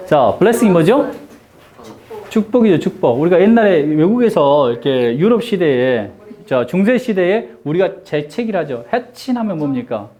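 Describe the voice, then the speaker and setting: Brief: lively English teacher, pitch swinging widely, repeat-after-me drills. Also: moderate pace. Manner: animated, jokey, drills repeat-after-me phrases. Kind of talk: classroom lecture.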